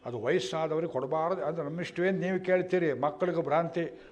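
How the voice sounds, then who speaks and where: A man's voice: on the high side, a little fast. A man giving a scripture discourse in a lecture hall, telling stories wryly and chanting verses, on a dull lo-fi recording. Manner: animated, wry storytelling. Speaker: religious scholar giving a discourse.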